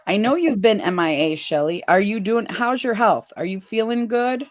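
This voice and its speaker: A woman's voice: medium pitch, expressive, normal speed. A woman in her fifties hosting a casual livestream from her living room on a webcam, chatting and reading viewers' comments aloud with frequent laughs. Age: 50s. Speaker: livestream host. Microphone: webcam on a video call.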